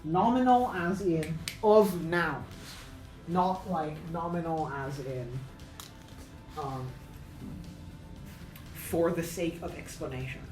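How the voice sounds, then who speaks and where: A woman's voice: low-pitched, takes it slowly, long pauses, echoey room, over music, low-quality recording. A woman teaching English pronunciation in a casual lesson, thinking aloud with many fillers and self-corrections.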